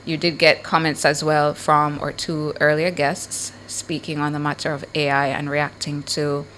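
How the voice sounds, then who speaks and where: A woman, co-hosting a morning radio show in casual, animated chat. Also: deep voice, moderate pace, a little hiss or hum. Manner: chatty, animated, teasing.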